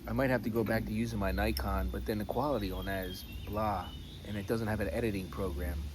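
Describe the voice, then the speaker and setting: A man chatting casually in a rambling, halting way with mild swearing, as a vlogger recording on his phone. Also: on the low side, steady tone. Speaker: pipe-smoking vlogger. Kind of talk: rambling casual chat vlog. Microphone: phone camera. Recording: noisy phone recording with clear background noise.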